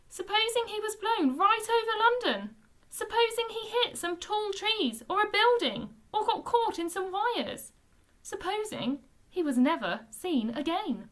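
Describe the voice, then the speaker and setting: A woman, a teacher, reading a children's book aloud with expressive storytelling. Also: sits high.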